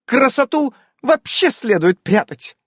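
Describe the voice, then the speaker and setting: A man voicing a fussy, flustered witch who is a wife and mother, in a high, scolding, chirping voice. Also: sing-song, measured pace, a bit bright, no echo, studio quality, full character voice.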